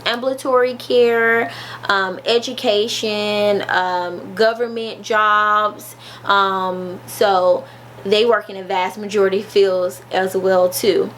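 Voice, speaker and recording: A woman's voice: medium pitch, a bit bright, slight background noise. A woman nurse, talking casually to her viewers in a chatty, folksy way with many fillers. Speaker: nurse vlogger. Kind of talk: casual informational vlog.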